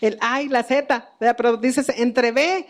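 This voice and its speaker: A middle-aged woman with a high voice teaches the Bible in a relaxed, conversational way. She keeps putting questions to her listeners and laughs lightly at her own family stories. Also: unhurried.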